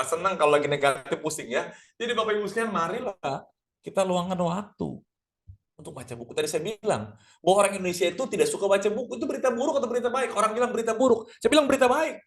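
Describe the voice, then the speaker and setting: Middle-aged male sales trainer, energetic, quick delivery, keeps asking the audience questions. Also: sits high. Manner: energetic, addresses audience as Bapak Ibu, rhetorical questions. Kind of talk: lively online sales class.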